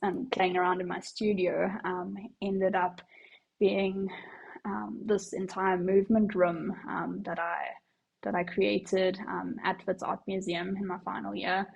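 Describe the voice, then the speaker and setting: A young woman answers interview questions in a soft, thoughtful voice that sometimes drops almost to a whisper. Her tone is husky and gravelly, and her pitch stays fairly flat. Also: measured pace, dull audio. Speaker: powerlifting coach and artist, guest.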